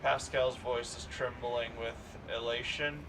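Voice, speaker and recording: A man streaming a game, reading its narration in a plain, steady way. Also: mid-range voice, measured pace. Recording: distant mic with clear background noise.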